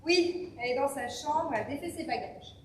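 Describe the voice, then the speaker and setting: A woman's voice: high voice, moderate pace, natural voice. A woman playing a fussy older mother who is eager for grandchildren, in an amateur stage play. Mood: doting. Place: theatre stage. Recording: echoey hall from far off, noise.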